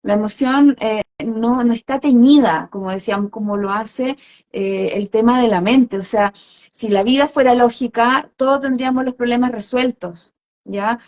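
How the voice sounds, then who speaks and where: A woman, speaking as a holistic therapist in a calm, reflective conversational way, with many fillers and tag questions. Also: on the high side, normal speed. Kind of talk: conversational explanation.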